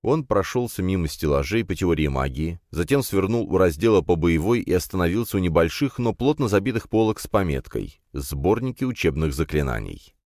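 A man narrating an audiobook in an expressive storytelling manner, close to the mic. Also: sits low, fairly quick, few pauses, dry recording.

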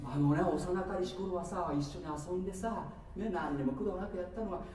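A man preaching a sermon, playful and animated, with asides and laughter, recorded from a distance in a church hall. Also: high-pitched, brisk. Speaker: pastor. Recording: echoey hall from far off with faint noise.

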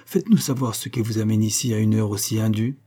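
A man's voice: lowish voice, steady tone, fast, mellow, natural voice. A man voicing a brusque, impatient retired colonel.

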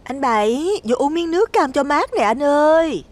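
A man voicing a greedy, wheedling young countrywoman in a high, breathy falsetto. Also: moderate pace. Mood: coaxing. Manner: coaxing, hesitant.

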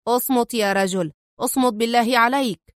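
A woman's voice: a little high, a little fast, dry recording, natural voice. Woman reading as worn-out male guard chief, tense, urgent, dry close sound. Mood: hushing. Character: tired, nervous male head of security guards. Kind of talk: audiobook character reading.

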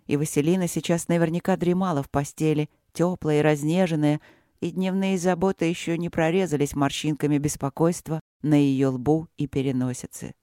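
An audiobook narrator reading a fantasy story in a measured storytelling way. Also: mid-range voice, steady tone, mellow, dry recording, studio quality. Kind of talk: scripted narration.

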